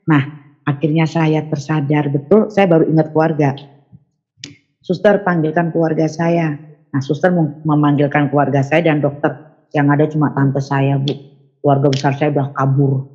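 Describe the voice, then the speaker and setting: A woman tells her own story as an interview guest, acting out the voices of the people she quotes with big jumps in pitch. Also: fairly even intonation, normal speed, mellow, breathy edge, highs cut off. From Sundanese region of West Java, Indonesia. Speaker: guest giving a testimony. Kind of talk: animated personal storytelling.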